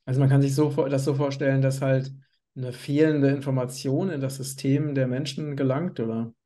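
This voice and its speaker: A man's voice: medium pitch, fairly even intonation, moderate pace, dark tone. A man hosting an interview, asking friendly questions and affirming with frequent mhm's. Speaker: podcast host.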